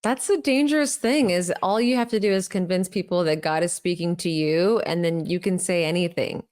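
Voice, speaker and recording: A woman's voice: fairly low pitch, normal speed, darkish tone. A woman co-hosting a podcast, chatting casually with wry, joking remarks. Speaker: podcast co-host. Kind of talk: casual chat.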